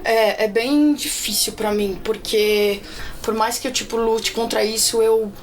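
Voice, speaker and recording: A woman's voice: fairly high pitch, fairly even intonation, unhurried. A woman with a Brazilian accent in casual podcast chat, blunt and slangy, swearing freely. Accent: Brazilian Portuguese. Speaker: podcast guest.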